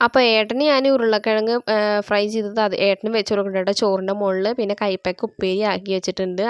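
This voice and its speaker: Very fast-talking young woman vlogger. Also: a little high, dry recording. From Kerala, India. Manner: chatty, tags sentences with "you know". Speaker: family vlogger and mother. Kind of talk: casual voice-over vlog narration. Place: indoors, near a road with passing traffic.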